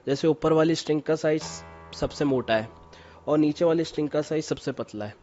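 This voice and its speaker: A man's voice: a little high, fairly quick, a little mellow. A male guitarist, explaining casually in simple, repetitive words. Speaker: guest guitarist. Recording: dull lo-fi sound with faint music.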